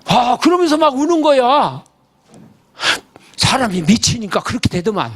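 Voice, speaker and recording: An older male pastor preaches in a church service, telling a story in a folksy, emphatic way. His voice is high for a man and rises and falls in wide, animated swings, with a husky edge. He keeps turning to the congregation with questions. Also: normal speed. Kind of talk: sermon storytelling.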